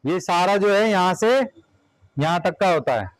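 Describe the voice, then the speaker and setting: Male teacher, high voice, brisk repeated classroom instructions. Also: lively intonation, rough recording. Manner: directive, repeats short commands.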